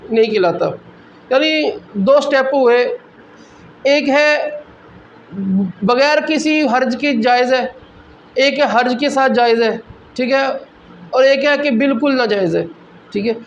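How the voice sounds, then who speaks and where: A man's voice: very high voice, highs cut off, slight background noise. A man, a mufti, giving a religious lesson, explaining rulings step by step and checking in with "theek hai" between points. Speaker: mufti teaching Islamic law.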